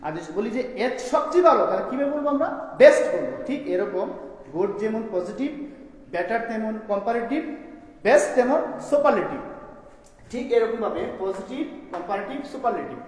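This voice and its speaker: A man's voice: high voice, lively intonation, fairly quick, darkish tone. A man teaching a classroom grammar lesson, explaining step by step and asking his students questions as he goes. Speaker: school teacher. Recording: echoey room, long reverb.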